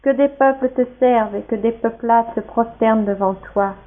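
An old blind father giving a solemn blessing, read by a woman in a somewhat high voice. The reading is measured and plain. The sound is thin and tinny, like a phone line. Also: lightly acted. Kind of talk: scripture reading.

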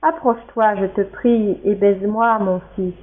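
A woman reading the part of an old blind father in a scripture reading, in a solemn, measured way. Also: medium pitch, fairly even intonation, lightly acted. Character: Isaac, old blind father blessing his son. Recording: tinny phone-like sound.

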